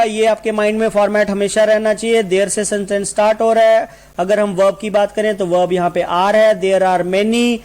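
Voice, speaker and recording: High-voiced man teaching an exam class. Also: a little mellow. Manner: explains in Hindi mixed with English, reads answer sentences slowly. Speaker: English teacher for exam coaching. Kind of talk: online exam-prep lesson.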